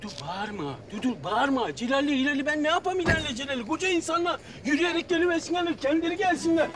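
A man's voice: extremely high pitch, animated, quick pace, music in the background. An actor playing an irritable village father who scolds his family in a TV comedy. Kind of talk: TV comedy acting.

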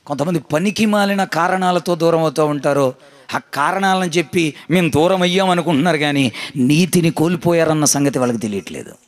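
A man's voice: on the high side, a little fast, no room sound. A man preaching a sermon as pastor, emphatic, repeating his phrases and calling on the congregation to answer. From India.

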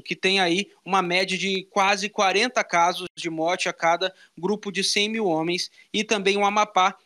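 A young radio reporter with a Brazilian Portuguese accent gives a live, conversational and informative news report into a handheld microphone. He's in a small radio studio with a meeting table, and his high voice sounds pushed and bright.

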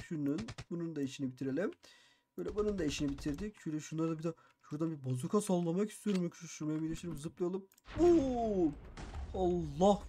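A man narrating a game role-play as a gaming YouTuber, excitable and boastful, with frequent exclamations. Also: high-pitched, slight background noise. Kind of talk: Minecraft role-play commentary.

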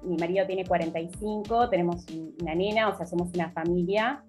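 A woman in her forties with a Buenos Aires Argentine accent, a guest on a video-call interview, explaining her experience in a steady way. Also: on the low side, a little fast, faint music behind. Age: 40s. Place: home room.

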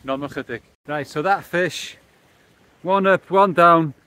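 This Welsh fishing vlogger, a middle-aged man, explains his fishing in a casual chat to a close-up camera, either handheld or on a stand, on a pebbly seashore. He takes his time, and his voice sits on the high side with a sharp tone.

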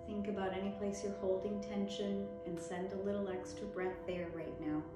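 A woman leading a guided relaxation meditation in a soft, soothing, gentle way, leaving long pauses. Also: medium pitch, little pitch movement. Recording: very echoey, with music behind. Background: music.

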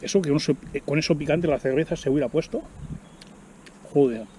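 A middle-aged man vlogs casually outdoors, snacking in the woods and talking to a ground-level camera in front of him, often breaking into exclamations while eating. His voice is a little high and dark, slightly fast, with a bit of hiss or hum in the audio.

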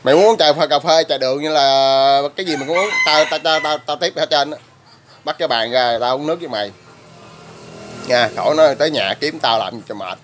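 A man vlogging about raising chickens, talking in a rough, blunt way, ranting at critics and then explaining plainly. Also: on the high side, fast talker, hardly any pauses, heavy background noise. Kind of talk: casual vlog talk.

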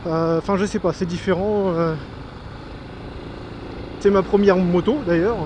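In an unhurried, high voice with fairly even intonation, a motovlogger offers excited, off-the-cuff thoughts while riding through the countryside. The recording is noisy with wind and engine sound.

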